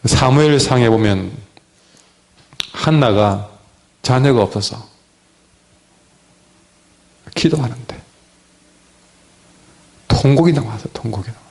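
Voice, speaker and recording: A man preaching a sermon as a pastor, with a sore throat, swinging between loud cries and hushed words. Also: mid-range voice, slow pace, long pauses.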